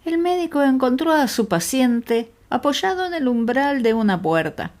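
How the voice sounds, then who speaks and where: Una mujer que narra un audiolibro de misterio con lectura expresiva. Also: female voice, high voice, expressive, normal speed, a little mellow.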